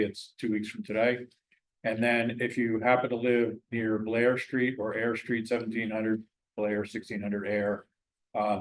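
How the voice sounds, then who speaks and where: A man's voice: lowish voice, low-quality recording. A man giving informal safety announcements at a community meeting.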